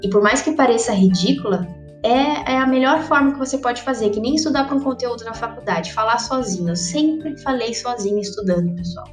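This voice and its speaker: A woman's voice: a little high, brisk, roomy sound, soft background music. A woman coaching public speaking in a casual, conversational way, often checking in with her listeners. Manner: conversational, often tags "né?" and addresses viewers directly. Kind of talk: casual instructional talk.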